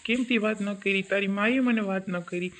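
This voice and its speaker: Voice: mid-range voice, fairly quick, fairly bright tone, natural voice. A voice actor playing a caring middle-aged father who questions and reassures his crying daughter. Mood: reproachful. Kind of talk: Gujarati cartoon voice acting.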